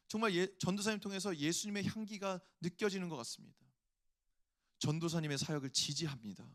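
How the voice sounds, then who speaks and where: Korean guy pastor giving a sermon, kinda high voice, acts out voices in his story then gets loud and pleading. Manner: storytelling, acts out inner voices, rises to emphatic appeals.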